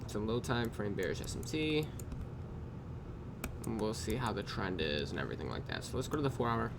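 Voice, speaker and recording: A man casually reviewing his trading day, tired and yawning, talking in a loose, unhurried way with drawn-out pauses and the odd swear word. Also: fairly low pitch, expressive, noisy background. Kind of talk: casual screen-recorded trade review. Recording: clear keyboard typing in background.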